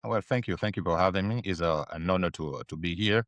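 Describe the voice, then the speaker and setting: A native French speaker from Ivory Coast, a man with an Ivorian French accent, answers a podcast interview hesitantly and with lots of fillers. The talk is casual; his voice is low and fast, with no room sound.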